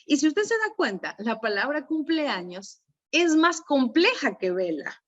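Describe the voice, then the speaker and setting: A woman with an Ecuadorian Spanish accent leading a virtual workshop, lively and often questioning her audience. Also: high voice, unhurried. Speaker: workshop leader. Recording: dull lo-fi online call audio.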